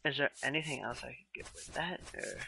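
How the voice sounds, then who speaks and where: Gravelly bright-voiced male streamer. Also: medium pitch, brisk, slight background noise. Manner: relaxed, rambling, with many fillers and trailing questions. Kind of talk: casual live-stream chat with viewers.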